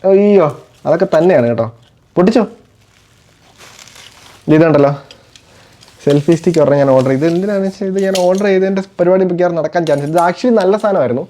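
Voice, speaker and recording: A man's voice: high voice, fast talker, pauses often, dark tone. A father chatting casually while unboxing parcels, explaining each item and playing with his little daughter. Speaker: father and family vlogger.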